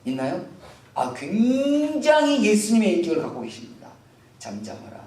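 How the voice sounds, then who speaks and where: A male pastor delivers a Sunday sermon with a lively, swinging pitch, chatting with his congregation and acting out the story's shouted lines. His voice carries through a roomy, echoing sanctuary, picked up from a mic some way off. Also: fairly quick. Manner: animated, acts out shouted quotes from the story; conversational, jokes with the congregation. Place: church sanctuary. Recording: roomy hall, voice from a distant mic.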